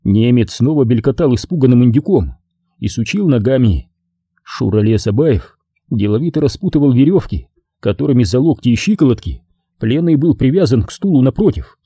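A man narrating an audiobook with expressive storytelling. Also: medium pitch, brisk, husky, dry recording, studio quality. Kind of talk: scripted narration.

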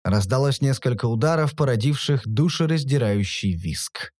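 A man's voice: medium pitch, animated, normal speed, darkish tone, no room sound, studio quality. A man reading a first-person audiobook in a wry, sardonic way. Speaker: audiobook narrator.

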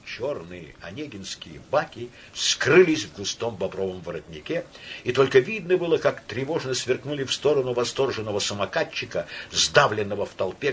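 A man narrating an audiobook with a lively, dramatic reading. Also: lowish voice, a little hiss or hum.

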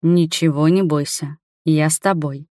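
A woman reading an audiobook and voicing a confident young man who speaks in a soft, calm, intimate way. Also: low voice, unhurried, no echo, studio quality. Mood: reassuring. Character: confident, tender young man, fire mage.

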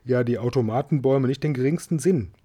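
A calm, sensible middle-aged uncle from a storybook, speaking dry and measured, as a man reads him. His voice is low-key, mellow and soft-edged. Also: breathy edge, lightly acted.

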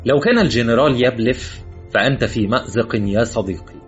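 A man voicing a cold, threatening Russian agent in an audiobook, calm and mocking, in a slightly muffled recording with faint music. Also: medium pitch, a little fast, voice pushed up, natural voice. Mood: menacing. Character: cold menacing male Russian agent holding a gun. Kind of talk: audiobook character voice.

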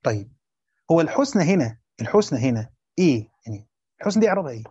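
A man's voice: a little high, sing-song, very fast, a little mellow, slightly rough, no echo. A man with an Egyptian accent teaching a lesson on Quranic commentary, explaining step by step, repeating phrases and quizzing his students. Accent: Egyptian Arabic. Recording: muffled, dry lo-fi recording.

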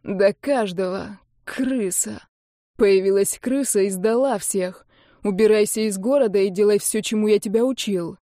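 Woman reading a hoarse wounded young man. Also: mid-range voice, a little slow, warm tone, no echo, clean studio sound, close to an everyday voice. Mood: urgent. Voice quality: hoarse broken half-whisper. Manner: urgent, commanding, gasping. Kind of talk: audiobook character reading.

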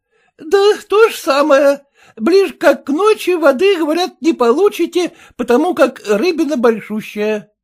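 A woman's voice: sits high, animated, unhurried, a little mellow. A man reading a story aloud, voicing a put-upon kitchen cook woman with a whining, tearful manner. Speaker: character in a read story.

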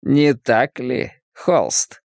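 A man voicing a cold, calculating young male gang leader who speaks slowly and with quiet menace. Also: mid-range voice, lively intonation, creaky, no echo, studio quality, exaggerated voice. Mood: coolly menacing. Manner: slow, measured, quietly menacing.

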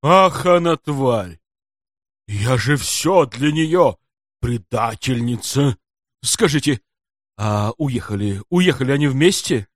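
A man's voice: mid-range voice, animated, slow, no echo, studio quality. A man voicing an anxious middle-aged detective who talks in a fussy, wheedling, melodramatic way in an audiobook. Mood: distraught. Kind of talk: audiobook character voice.

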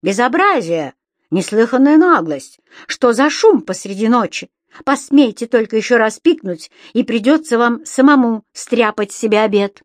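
A woman voicing an indignant, scolding middle-aged landlady who shouts through a door. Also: mid-range voice, lively intonation, slow, no room sound, studio quality. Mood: outraged. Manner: outraged, shouting.

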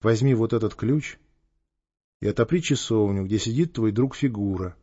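A man voicing a calm, stern boy commander who speaks quietly and firmly. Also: on the low side, moderate pace, husky, muffled recording.

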